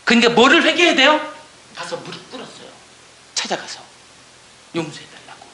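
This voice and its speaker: A woman's voice: a little high, a little fast, echoey room. An older woman giving an emotional church testimony, sighing and exclaiming, sometimes dropping to a whisper. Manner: emotional, animated, exclaims and sighs.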